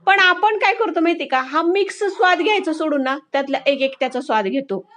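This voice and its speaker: A woman's voice: high-pitched, expressive, fairly quick. A woman vlogger talking to her women friends, telling a moral story in a casual, conversational way. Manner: warm, conversational, addresses listeners directly.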